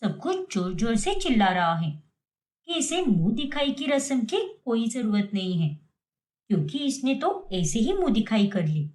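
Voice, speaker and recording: A woman's voice: a little high, very animated, normal speed, darkish tone, pitched below the performer's own voice. A woman voicing a gossiping neighbor woman who mocks the new bride in a cartoon story. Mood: mocking. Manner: sarcastic, taunting.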